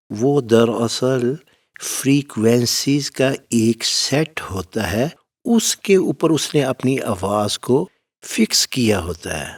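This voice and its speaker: A man's voice: medium pitch, recorded from a distance. A man teaching Quran recitation in a spoken lesson, talking to his students in a fatherly way and giving firm step-by-step instructions. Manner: fatherly, addresses listeners as "my son".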